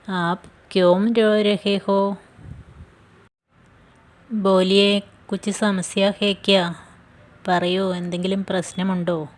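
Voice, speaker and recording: Very slow, even-toned woman teacher. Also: medium pitch. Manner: slow, careful phrase-by-phrase drilling with repetition. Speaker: language teacher. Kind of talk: scripted language lesson.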